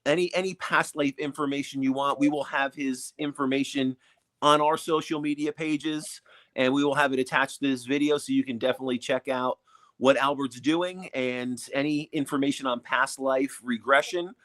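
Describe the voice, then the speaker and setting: A man's voice: medium pitch, steady tone, normal speed, a bit bright. A man co-hosting a podcast, upbeat as he asks questions and thanks his guest. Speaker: podcast co-host. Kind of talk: casual interview.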